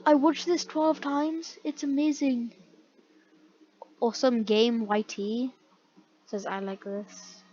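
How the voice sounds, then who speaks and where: A woman's voice: high voice, little pitch movement, slow pace, long pauses, dark tone. A woman casually reading comments aloud and reacting with laughter and disbelieving questions. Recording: dull lo-fi mic, faint background hiss.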